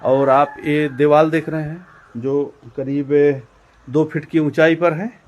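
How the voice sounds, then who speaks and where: A man's voice: fairly high pitch, steady tone, takes it slowly, muffled recording, slight background noise. A man showing viewers around his poultry farm, explaining step by step with many fillers and repetitions. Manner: addresses viewers directly as friends and brother. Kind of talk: casual walk-through demonstration.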